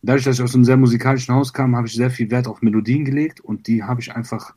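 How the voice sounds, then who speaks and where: An Iranian man, a rapper appearing as an interview guest, answers questions in a husky, slightly breathy, mellow voice at medium pitch with fairly even intonation. His conversational replies are halting and reflective, looping back with fillers and repeated words. At times he drifts a little off the mic.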